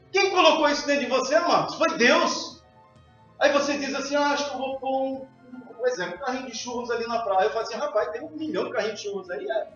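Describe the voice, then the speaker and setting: A man's voice: very high-pitched, fairly bright tone. A man preaching a sermon as pastor, emphatic and repeatedly calling out to his congregation. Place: church hall. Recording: echoey hall, distant, dull sound, faint music.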